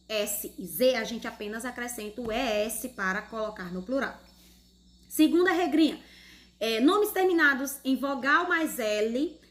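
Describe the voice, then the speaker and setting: A woman's voice: on the high side, a bit bright. A woman teaching a grammar lesson to schoolchildren in Brazilian Portuguese, patient, explaining step by step and asking questions. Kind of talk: online grammar lesson for children.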